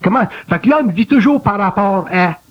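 A man with a Québécois accent speaking in a colloquial, animated way in an interview, mimicking inner voices. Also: high voice, moderate pace. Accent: Québécois French. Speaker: guest speaker. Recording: dull lo-fi archival recording.

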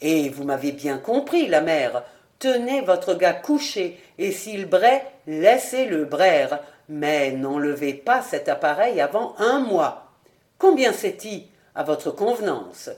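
A woman putting on a gruff rustic bonesetter. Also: lowish voice, sing-song, slow pace, darkish tone. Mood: commanding. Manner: brusque and commanding.

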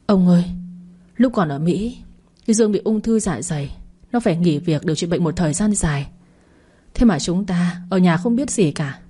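A woman's voice: lowish voice, expressive, moderate pace, warm tone, breathy edge. A woman voicing a worried, weeping middle-aged mother in a narrated audio story. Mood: tearful. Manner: tearful, pleading.

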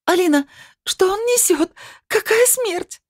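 A man's voice: extremely high pitch, animated, a little slow, voice pushed up. A narrator voicing a young woman in panic who screams and sobs as she learns she is a ghost. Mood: hysterical. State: screaming and sobbing.

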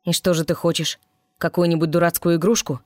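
A gruff demon guardian, read by a narrator. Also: medium pitch, level tone, a little fast, a little mellow, dry recording, studio quality, natural voice. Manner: gruff, blunt. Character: gruff demon guardian, blunt but kind. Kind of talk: audiobook character voice.

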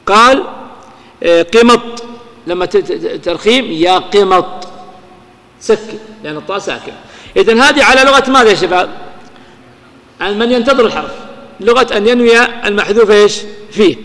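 High-voiced man teaching grammar in a reverberant hall. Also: lively intonation, brisk, pauses often, a bit bright. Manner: explains step by step, asks the students questions and answers them himself. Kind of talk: classroom lecture on grammar.

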